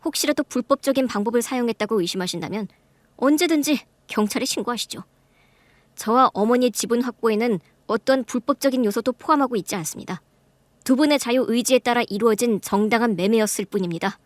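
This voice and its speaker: A woman voicing a calm, composed young businessman who speaks formally and firmly in a radio drama. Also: a little high, no room sound, natural voice. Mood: cool firm. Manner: formal, measured, coolly firm.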